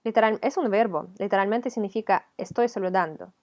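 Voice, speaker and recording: Woman teacher w/ ukrainian accent, patient, walks thru each step slowly. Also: mid-range voice, darkish tone. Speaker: language teacher. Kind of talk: video lesson.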